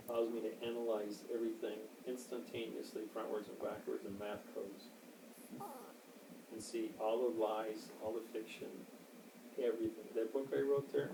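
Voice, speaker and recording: Gravelly, boastful sixty-year-old man. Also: lowish voice. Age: 60s. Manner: boastful, rambling storyteller. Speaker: interviewee. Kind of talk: casual chat. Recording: echoey, distant, noisy amateur recording.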